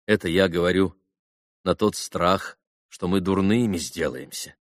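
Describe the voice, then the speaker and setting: A man's voice: deep voice, measured pace, dry recording, clean studio sound. A man reading an earnest young speaker. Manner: earnest, heartfelt oration. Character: earnest young man addressing boys at a graveside. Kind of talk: audiobook reading.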